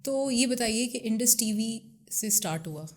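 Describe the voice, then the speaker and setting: A woman's voice: fairly high pitch, animated, faint music behind. A woman interviewing a guest on a podcast, asking questions and murmuring short acknowledgements as she listens.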